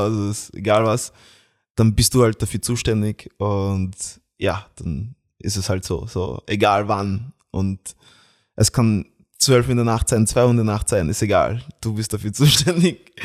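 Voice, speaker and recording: A young man, telling a family story as an interview guest, halting with fillers and often laughing. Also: mid-range voice.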